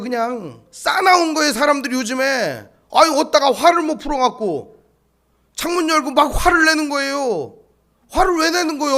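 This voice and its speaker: High, lively-voiced male pastor preaching. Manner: animated storytelling with rhetorical questions. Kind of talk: sermon with storytelling.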